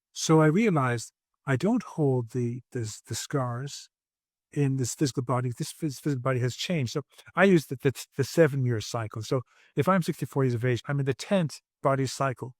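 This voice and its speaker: A man's voice: mid-range voice, brisk, no echo, studio quality. A man in his sixties, a podcast guest at home, telling his personal story in an earnest, reflective way with frequent restarts. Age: 60s.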